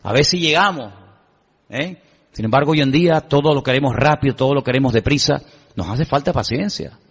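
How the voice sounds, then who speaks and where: A man's voice: medium pitch, fairly quick, slightly rough. A male pastor gives a conversational sermon and keeps putting questions to the congregation. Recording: dull lo-fi audio with long hall reverb.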